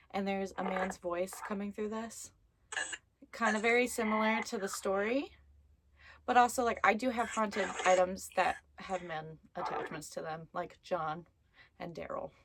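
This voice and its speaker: There's a little hiss or hum under this woman's mid-range, slightly bright voice. She hosts a chatty haunted doll story video, reading tales and speaking playfully to viewers and her surroundings.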